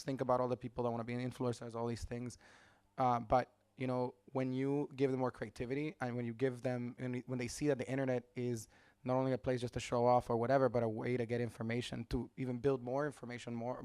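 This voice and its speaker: A man's voice: medium pitch, a little mellow, clear, resonant tone, dry recording. A man in his thirties from El Salvador, an engineer and mentor speaking on a conference panel, rambling and enthusiastic. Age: 30s. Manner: rambling and enthusiastic, many restarts and "like"s.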